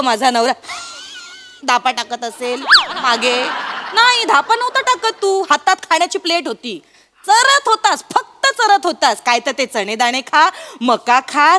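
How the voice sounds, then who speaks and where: Comedy sketch: a teasing wife, very high and bright, coaxing then needling. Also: female voice, slight background noise, full character voice. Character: teasing wife mocking her husband's weight. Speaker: comedic actor. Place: comedy show stage.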